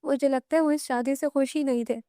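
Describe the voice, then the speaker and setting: A woman reading aloud as a headstrong, innocent young wife in a romance audiobook, indignant and complaining. The voice is high and sits dry and close to the mic. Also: fairly even intonation, a little fast, mellow, no echo, lightly acted. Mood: tearful complaint.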